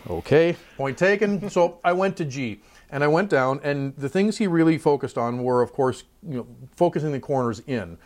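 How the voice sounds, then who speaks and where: A middle-aged man, a trumpet player and college professor, talking through his career in a relaxed interview, thoughtful and chatty with many asides. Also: fairly high pitch, moderate pace.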